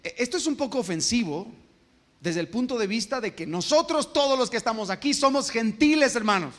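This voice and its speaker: A man's voice: very high voice, lively intonation, fairly quick, fairly bright tone, long reverb tail. A male pastor preaching a sermon, often stopping to ask his congregation questions. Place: church sanctuary.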